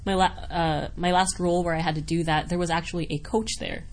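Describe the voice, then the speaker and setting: A Wisconsin woman who works as a voice actor answers an interview casually, her voice on the low side with fairly even intonation and a fairly quick pace. She rambles in a chatty, giggly, self-deprecating way. The recording has noticeable background noise.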